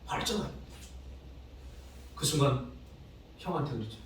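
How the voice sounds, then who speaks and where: A male pastor preaching a sermon, telling stories with emotional swings between soft and loud. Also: expressive, a little slow, a little hiss or hum. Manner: emotional storytelling with dramatic swings in pitch and loudness. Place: church sanctuary. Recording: echoey church hall, distant mic.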